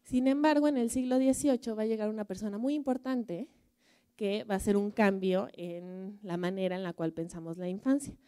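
A woman's voice: mid-range voice, moderate pace, warm tone, clear, resonant tone. A woman curator with a Mexican Spanish accent giving a museum lecture, telling folk tales in a chatty, conversational way and often checking in with her audience. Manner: conversational, storytelling, frequent tag questions. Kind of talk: public lecture.

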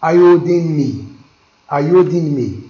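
A man teaching a vocabulary lesson, repeating each word slowly and explaining it, moving between languages. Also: fairly high pitch, expressive, roomy sound, lo-fi sound.

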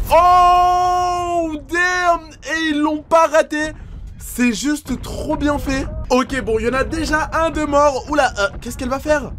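Very high-voiced excitable man. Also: a little hiss or hum. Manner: excitable, frequent exclamations and startled gasps. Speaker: YouTuber reacting to videos. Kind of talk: excited reaction commentary.

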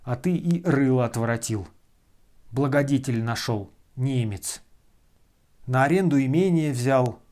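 A man voicing a brash, abusive freeloader who shouts and hurls insults. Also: mid-range voice, measured pace, lightly acted.

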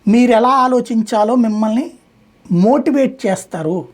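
A woman speaking as a political analyst guest in a debate, arguing with examples and proverbs. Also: fairly high pitch. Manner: fast, argumentative, explains with examples and proverbs.

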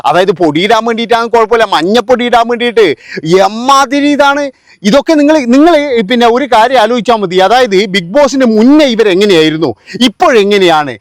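A man with a notably high-pitched voice delivering sarcastic vlog commentary, scornful and mocking throughout. The sound is close and completely dry, with no trace of room. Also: lively intonation, fast, dry recording. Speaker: vlogger.

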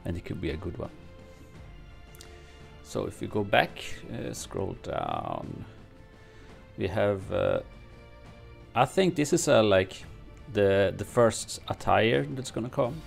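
A male gaming streamer in his home streaming room reads game update notes and comments on them in English, his second language. His low, gravelly voice has a sing-song lilt, and he speaks haltingly with plenty of fillers and restarts over faint background music.

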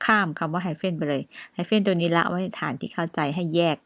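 A woman with a Thai accent teaching a step-by-step English lesson, saying numbers slowly and carefully for repetition, with polite, gentle phrasing. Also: lowish voice, gravelly, no echo. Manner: polite with frequent particles.

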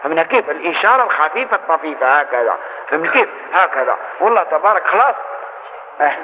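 High, quick Algerian religious teacher. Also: male voice, sing-song, slight background noise. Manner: explains with demonstrations, keeps asking "understood?". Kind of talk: religious lesson to a gathering. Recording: tinny lo-fi recording with long hall reverb.

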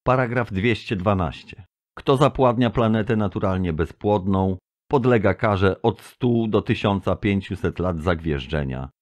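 In a solemn audiobook reading, a man performs a booming tentacled alien delegate who pompously thunders accusations in a deep, low register, like an elevated address to an assembly. Despite this, the voice stays close to his everyday one.

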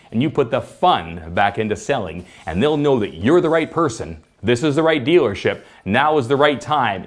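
A man who runs a sales company, giving an upbeat motivational sales lesson and acting out lines he uses with customers. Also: mid-range voice. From Canada. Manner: enthusiastic, animated, acts out customer quips.

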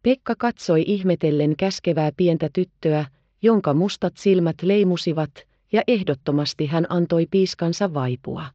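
A woman narrating a children's audiobook in a measured storytelling manner. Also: fairly low pitch, warm tone, no room sound, muffled recording.

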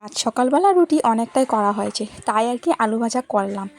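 A woman's voice: a little high, animated, a little fast, creaky. A young woman narrating her day in a plain, matter-of-fact voice-over, sounding tired and weak.

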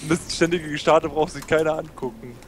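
A man's voice: on the high side, fairly even intonation, fairly quick, a little hiss or hum. A man playing a co-op game, griping sarcastically about technical trouble. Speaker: co-op player. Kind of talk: casual gameplay commentary.

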